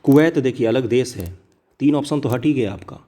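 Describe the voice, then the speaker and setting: A man's voice: mid-range voice, a little fast, mellow. A man teaching exam preparation, talking viewers through a test paper in a direct, earnest way. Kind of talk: casual exam paper discussion.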